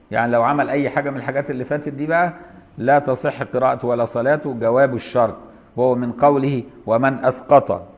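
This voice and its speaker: Egyptian male teacher, mid-pitched, lectures on a classical text, dull lo-fi recording. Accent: Egyptian Arabic. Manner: reads classical text, then explains in colloquial dialect, voicing pronunciations slowly. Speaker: Islamic jurisprudence teacher. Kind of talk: lecture reading and explaining a text.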